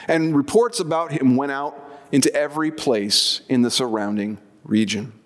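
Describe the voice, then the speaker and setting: A man's voice: mid-range voice, moderate pace, long reverb tail. A man preaching a sermon, explaining scripture conversationally with personal asides. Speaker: pastor.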